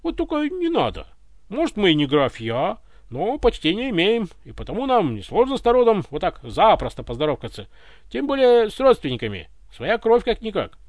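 A man voicing a pompous, touchy old tsar in a dry, close read, using a lively voice that keeps rising into roaring anger. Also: sits high, normal speed, no room sound, voice pushed up. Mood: haughty. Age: older. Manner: pompous, roars when offended.

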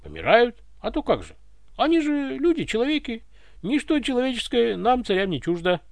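A man voicing a pompous, touchy old tsar in a dry, close read, using a lively voice that keeps rising into roaring anger. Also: fairly high pitch, normal speed, dry recording. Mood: haughty. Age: older. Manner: pompous, roars when offended.

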